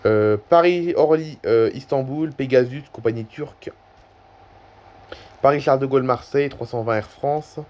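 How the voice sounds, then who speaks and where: A man's voice: medium pitch, moderate pace, a little mellow. Rambling man narrating his screen. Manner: rambling, hesitant, self-correcting. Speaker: YouTuber. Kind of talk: casual screen-recording commentary.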